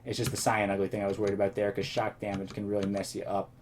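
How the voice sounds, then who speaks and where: A man's voice: on the low side, completely flat delivery, rapid-fire, a little mellow, a little hiss or hum. A man casually commenting on his own gameplay as host, thinking aloud and rambling, his voice a little worn. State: slightly losing his voice. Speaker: let's play host.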